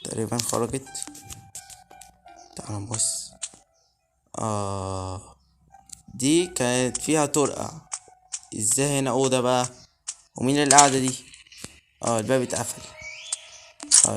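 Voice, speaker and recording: Game music plays behind an Egyptian man hosting a let's play of a horror game, speaking in a mid-range voice at normal speed with long pauses. His commentary is nervous muttering punctuated by abrupt yelps.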